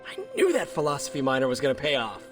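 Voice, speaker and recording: A man's voice: mid-range voice, wildly swooping pitch, fast talker, soft background music. An American man playing a young, nerdy, wisecracking superhero in a video game, chatty and joking in a stop-and-start delivery. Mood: earnest. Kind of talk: video game cutscene dialogue.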